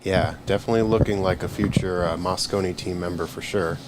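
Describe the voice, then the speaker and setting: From the booth, a young man commentates live on a pool tournament, easygoing, asking questions and frequently saying "uh." His voice is low and steady and fairly quick. The recording is very noisy.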